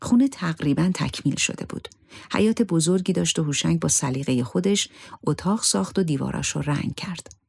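A narrator telling a dramatic true story in a grave, measured way. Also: mid-range voice, lively intonation, creaky, darkish tone, husky, no room sound.

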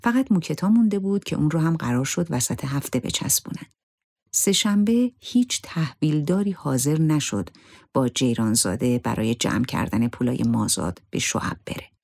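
A storyteller reads in a grave, measured way, with a gravelly, husky voice. The recording is close and dry, with no room sound at all. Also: mid-range voice, lively intonation, a little mellow, no room sound. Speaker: narrator. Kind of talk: dramatic story narration.

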